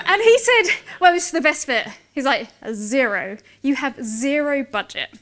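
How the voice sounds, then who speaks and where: A woman in her forties giving a lively conference talk, chatty and self-mocking, acting out dialogue in her stories. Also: high voice. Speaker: conference speaker.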